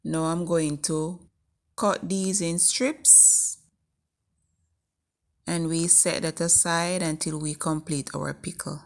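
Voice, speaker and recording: A woman with a morning voice narrating a recipe step by step in a measured, instructing way as the host of a home cooking video. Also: low voice, fairly even intonation, vocal fry. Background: faint music.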